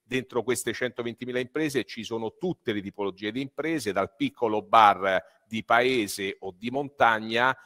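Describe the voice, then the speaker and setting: A middle-aged man giving a presentation over a video call with a headset, speaking haltingly with many fillers. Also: mid-range voice, pushed and bright, in a large hall. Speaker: trade association vice director.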